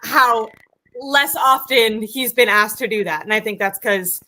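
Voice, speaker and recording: Bright, kinda high woman doing a casual sports stream, lots of ums and likes. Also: a little slow. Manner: chatty, many fillers, reads stats aloud. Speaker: sports podcast host.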